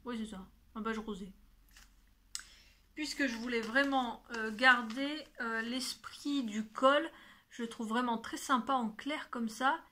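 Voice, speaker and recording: A woman hosts a knitting video podcast, chatting casually to the camera while showing her knitting and yarn, often correcting herself. Her fairly high voice is pushed and bright, at a measured pace.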